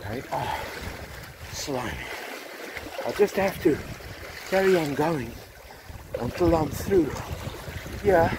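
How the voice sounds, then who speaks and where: A man's voice: fairly high pitch, animated, slow, pauses often. A man wading through the sea among rocks, rambling aloud in a chatty, self-mocking stream of commentary. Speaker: metal-detecting vlogger. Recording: outdoor recording with loud water noise.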